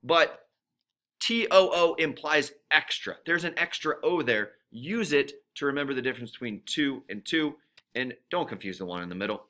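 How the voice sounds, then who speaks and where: A man's voice: medium pitch, expressive, normal speed, pushed and bright. A man teaching a recorded grammar lesson to his students, playful and jokey, stressing words with emphasis.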